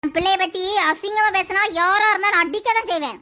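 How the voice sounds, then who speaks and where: A woman's voice: extremely high pitch, fast talker, sharp tone, voice pushed down. A woman voicing a fierce, protective middle-aged mother who scolds harshly in a family skit. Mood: angry.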